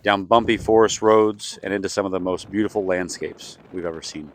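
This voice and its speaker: A man's voice: deep voice, steady tone, brisk, slight background noise. A young man reading a scripted vlog voice-over as an earnest storyteller. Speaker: family vlogger, co-host.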